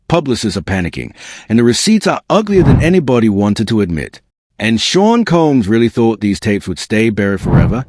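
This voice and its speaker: A man's voice: lowish voice, darkish tone, dry recording, studio quality. A man delivering scripted celebrity exposé commentary as an online host, in a slangy, incredulous, smug and sarcastic manner.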